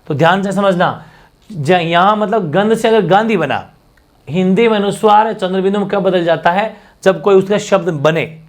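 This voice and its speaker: A man teaching a fast exam-prep grammar lesson, drilling examples and asking rhetorical questions. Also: sits high.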